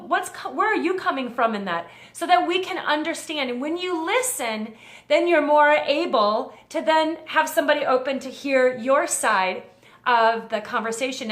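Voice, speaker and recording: Mom-advice host lady, high voice, casual numbered tips, bit of room echo. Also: animated, normal speed, a bit bright. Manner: friendly, conversational, walks through a numbered list.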